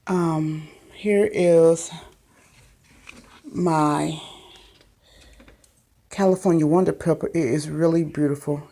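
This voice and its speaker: Woman, casual greenhouse tour, slightly low voice, chatty, meandering with ums, handheld phone sound. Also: fairly even intonation, takes it slowly, long pauses, warm tone. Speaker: gardening vlogger. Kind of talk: casual home video tour. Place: small makeshift greenhouse, indoors.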